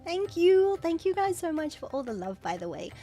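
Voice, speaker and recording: A woman hosting a casual livestream, excitedly thanking viewers and stumbling over her words. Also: very high-pitched, moderate pace, soft background music. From Australia. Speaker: livestream host.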